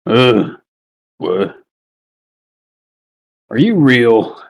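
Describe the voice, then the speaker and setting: A man voicing a drunk, hulking male Goliath tavern dweller who talks in slow, gruff, short lines. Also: mid-range voice, very animated, reverberant, full character voice. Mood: wary. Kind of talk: tabletop game character voice.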